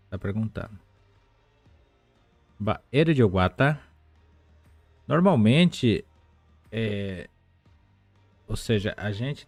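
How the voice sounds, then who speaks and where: A man teaching a live online language lesson, explaining patiently and repeating words slowly, with chatty asides to viewers. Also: on the low side, no echo.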